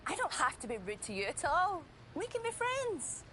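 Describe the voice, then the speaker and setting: A woman's voice: normal speed, slight background noise, heavily acted. An actress with a Scottish accent playing a smug, scheming woman wrestling champion in video game dialogue. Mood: mocking. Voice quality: bright, lively and mocking, with high laughs.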